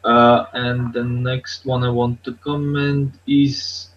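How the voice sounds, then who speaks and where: Over a dull, lo-fi online call with faint noise, a tech podcast co-host talks casually in loose, repetitive phrases. He speaks slowly with medium pitch, flat delivery, and a fairly bright tone, using an online video hangout.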